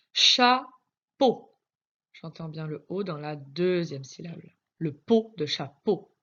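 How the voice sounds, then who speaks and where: A woman teacher giving a recorded reading lesson to young children, carefully spelling out letters one by one. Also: on the low side. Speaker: primary school teacher. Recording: dull lo-fi recording.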